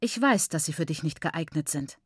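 A woman's voice: deep voice, lively intonation, breathy edge, dry recording, clean studio sound. Woman doing a chatty, scolding mother. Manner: brisk, admonishing, falsely cheerful. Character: chatty proper mother lecturing on manners.

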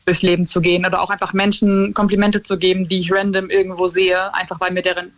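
A woman's voice: on the low side, flat delivery, quick pace, dull audio. A woman calling in to a radio show, talking in an upbeat way about staying positive. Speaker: caller. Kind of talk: phone-in chat.

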